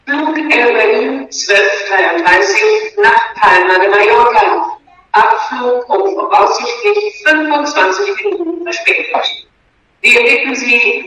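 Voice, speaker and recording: A woman playing an airport announcer, giving a formal, measured flight announcement over the intercom. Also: high voice, exaggerated voice. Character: female airport gate announcer, formal and polite. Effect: airport loudspeaker announcement. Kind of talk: scripted listening-exam announcement. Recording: echoey, distant, muffled loudspeaker sound.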